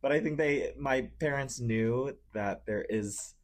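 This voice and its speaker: A man's voice: mid-range voice, slow pace. A young man from Cambodia, a marketing manager interviewed as a guest, talking casually with frequent fillers and easy laughs.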